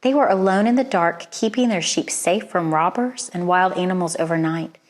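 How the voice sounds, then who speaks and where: A woman with a fairly low voice reads a children's storybook aloud as a storyteller. Her phrasing is expressive and deliberate, with dramatic pauses.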